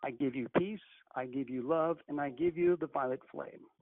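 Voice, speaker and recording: A man leading a guided breathing meditation as a channeler on a group call, speaking in a measured, commanding, instructive way. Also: fairly high pitch, creaky, no echo. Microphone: conference call phone. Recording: tinny phone line with faint hiss.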